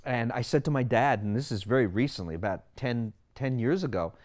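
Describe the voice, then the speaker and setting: A Sri Lankan physician in his sixties talks to camera about his wellness philosophy, explaining it through a string of rhetorical questions. His voice sits in the mid-range and he speaks a little fast.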